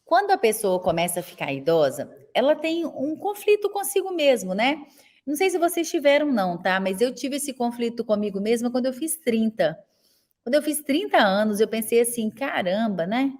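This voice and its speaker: In a fairly high, sing-song and slightly mellow voice at a moderate pace, a woman in her forties teaches elder caregivers in a live online class. Her accent is Brazilian Portuguese, and her chatty style has her posing a question to viewers after nearly every sentence.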